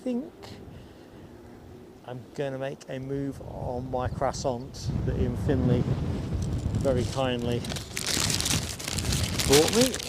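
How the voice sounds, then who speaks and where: Streaming live outside near an airport, a man reads viewer comments and chats casually, taking it slow and pausing often in a mid-range voice. Vehicles pass and outdoor ambience fills the background, clearly audible in the recording.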